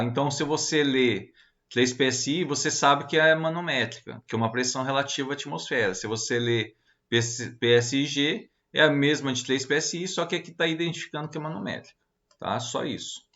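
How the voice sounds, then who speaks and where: A man's voice: mid-range voice, moderate pace, a bit bright, lo-fi sound. Casual man teaching a lesson. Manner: casual, hesitant, many fillers and tag questions. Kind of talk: online lecture explaining slides.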